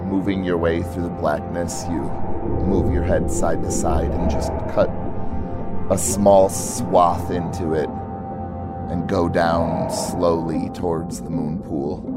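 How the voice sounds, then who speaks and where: A man narrating as game master, calmly describing scenes and calling for dice rolls. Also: sits low. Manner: calm, descriptive scene-setting with soft pauses. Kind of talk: narrating a tabletop game over music. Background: loud background music.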